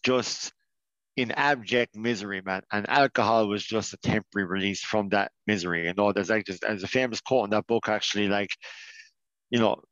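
A man's voice: on the low side, brisk, fairly bright tone, dry recording. Earnest Irish man, dull dry audio. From Ireland. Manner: earnest, many restarts and fillers. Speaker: podcast guest. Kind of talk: casual conversation.

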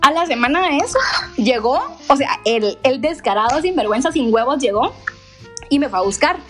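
A woman of twenty-nine, co-hosting a casual chat. She tells stories in an animated way, swears freely and acts out the dialogue. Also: sits high, moderate pace, faint music behind. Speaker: podcast co-host.

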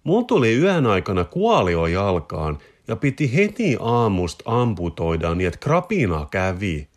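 A man putting on a deadpan Turku local. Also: fairly low pitch. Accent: Turku dialect. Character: man speaking broad Turku dialect.

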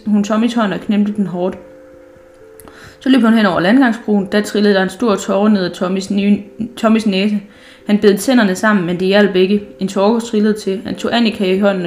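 A woman reads a children's story aloud in a gentle, unhurried way. Her voice sits at a middling pitch, and she stumbles and restarts now and then. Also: slight background noise. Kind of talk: reading a children's book aloud.

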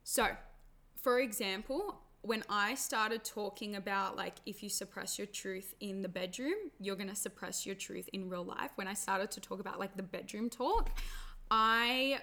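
A woman's voice: medium pitch, measured pace, pushed and bright. A young woman talking casually as a coach, chatty and full of fillers, acting out inner voices. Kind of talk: casual motivational talk.

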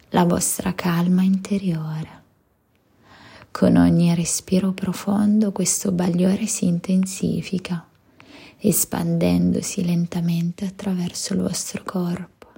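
A woman leading a scripted guided meditation in a soft, soothing spa-like whisper. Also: on the low side, creaky, breathy edge.

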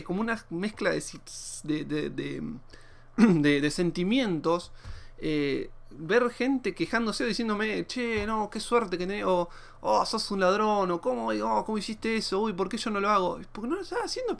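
An Argentine man talks through a casual podcast monologue at a rapid clip. His voice sits a bit high for a man and has a gravelly, fried edge. He keeps it slangy and animated and acts out what other people say. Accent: Argentine Spanish. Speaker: podcast host and YouTuber.

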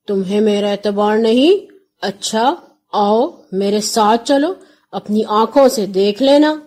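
Woman voicing a good-natured village man, soft-toned and pleading. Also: mid-range voice, close to an everyday voice. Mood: confident. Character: easygoing male peasant Raja, boastful.

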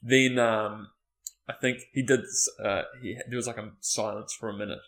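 A man's voice: fairly low pitch, steady tone, normal speed. A man in casual chat, telling a story in a rambling way with lots of filler words. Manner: rambling storyteller, many "like" fillers, acts out quotes loudly.

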